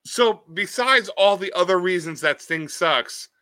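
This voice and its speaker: A man's voice: sits high, lively intonation, measured pace, sharp tone, no echo. A man co-hosting a casual comedic chat, riffing and acting out silly voices in his stories.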